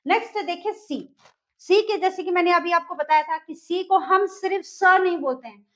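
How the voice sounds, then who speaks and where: High-voiced woman teaching patiently. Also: moderate pace, a bit bright. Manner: patient, repetitive, checks in with "clear?". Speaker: English teacher. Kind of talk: classroom-style lesson.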